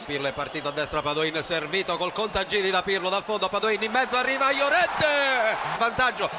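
A man giving live football commentary in an excitable, dramatic manner with florid phrasing. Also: sits high, fast. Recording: loud stadium crowd and noise. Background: cheering stadium crowd.

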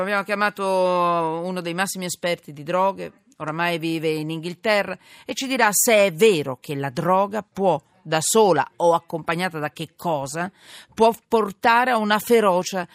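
Speaking through a studio broadcast microphone with no echo, a low-voiced woman hosts a live current affairs radio program. She wanders and repeats herself, keeping things informal and emphatic.

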